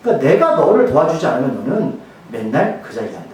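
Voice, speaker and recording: A pastor putting on the voice of God, a stern but loving father, talks bluntly and informally to a stubborn believer. The voice is high and lively and carries from a distance through a very echoey hall. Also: fast talker. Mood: chiding.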